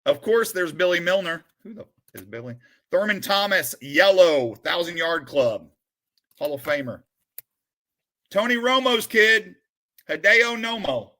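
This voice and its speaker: A man streaming live as he sorts through a collection, calling out names with bursts of excitement and then dropping into quiet muttered asides. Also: sits high, measured pace. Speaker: sports card streamer opening a collection. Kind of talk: live-stream commentary while sorting cards.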